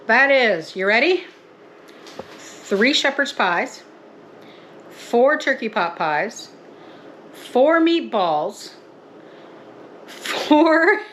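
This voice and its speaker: A woman's voice: fairly high pitch, fairly bright tone, slight background noise. A woman from Canada chatting casually to viewers as she cooks in her home kitchen, with a giggly manner. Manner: chatty, giggly, talks to viewers while working. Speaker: homestead vlogger. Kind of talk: casual cooking vlog.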